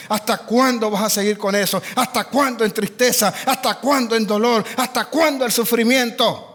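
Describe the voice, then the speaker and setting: A man's voice: high voice, fairly bright tone, in a large hall. A man preaching a sermon as pastor, driving his points home with repetition and rising emphasis.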